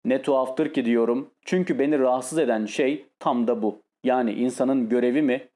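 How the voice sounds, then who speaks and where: A man voicing a tormented, lonely, nervous man who speaks in a halting, pained way in an audiobook. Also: mid-range voice, dark tone, close to an everyday voice. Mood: desperate.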